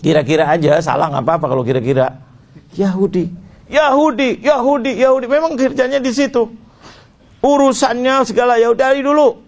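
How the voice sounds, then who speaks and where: A man preaching a sermon, asking his audience questions and swinging between high exclaims and low murmurs. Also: a little fast.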